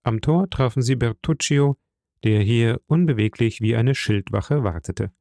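A man reading a novel aloud in an even, measured narration into a close microphone. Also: mid-range voice, no echo. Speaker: audiobook narrator. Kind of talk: scripted narration.

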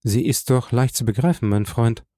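A man's voice: medium pitch, moderate pace, dark tone, no echo, clean studio sound, natural voice. Man voicing a grave, reserved count. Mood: restrained. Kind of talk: audiobook character reading.

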